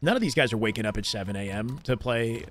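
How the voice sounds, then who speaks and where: A man live-streaming casual game commentary, chatting with viewers and hyping their support with slang shout-outs. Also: mid-range voice, lively intonation, fast, faint music behind. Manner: hype slang, thanking and welcoming viewers.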